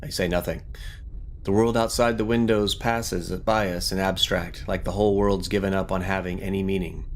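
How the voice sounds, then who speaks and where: In a deep voice with flat delivery and a moderate pace, a gaming video host provides casual let's play commentary, musing aloud and sometimes reading in-game text. Guitar game music runs underneath, along with a little hiss or hum.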